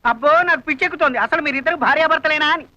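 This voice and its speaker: Frazzled census guy, very high bright voice, fast and fussy. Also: lo-fi sound, exaggerated voice. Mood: exasperated. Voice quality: exasperated, fussy. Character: flustered male census officer, easily confused. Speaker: census officer. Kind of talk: comic film acting.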